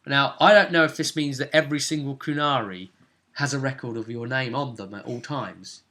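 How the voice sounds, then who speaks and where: A man acting as game master and host casually recaps a tabletop roleplay session in an animated, explanatory way. His voice is medium-pitched and he talks fairly quickly.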